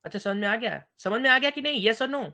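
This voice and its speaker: A man's voice: extremely high pitch, brisk, sharp tone. A man giving a university English lecture, mixing two languages, who keeps checking that students understand. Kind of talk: bilingual classroom lecture.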